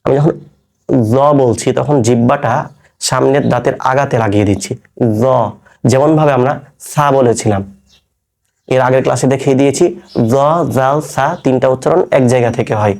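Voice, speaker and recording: A man leads a lesson on pronouncing Quranic letters, voice in a middle register. He drills each sound slowly and again, pausing to ask if the class is following. His manner is patient and teacherly. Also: mid-range voice, gravelly, darkish tone. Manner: patient, repeats sounds and checks with "right?".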